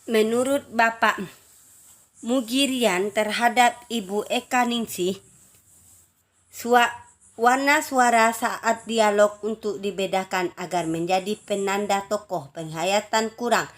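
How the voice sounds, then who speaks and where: A woman reading out a judge's feedback one entrant at a time, each remark a short item in a steady, listed rhythm. She stays at a medium pitch and slips into small restarts now and then before going on. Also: takes it slowly. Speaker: announcer for a writing community's contest.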